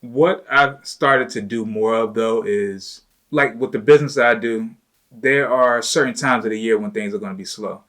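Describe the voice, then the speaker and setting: A man's voice: medium pitch, moderate pace, a bit bright. A man hosting a casual chat with his wife, talking loosely and informally with plenty of "you know" and "like" fillers. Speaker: host, entrepreneur.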